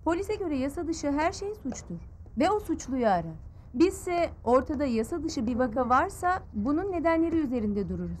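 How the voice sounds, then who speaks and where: An actress playing a composed journalist who calmly explains her work. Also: high voice, a little hiss or hum. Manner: measured, explanatory.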